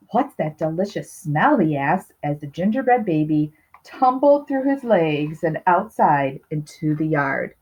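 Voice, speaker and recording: A woman reads a children's storybook aloud with expression, slipping in little asides to her listeners. Her voice has a medium pitch and a darkish tone, and the recording sounds slightly dull and lo-fi.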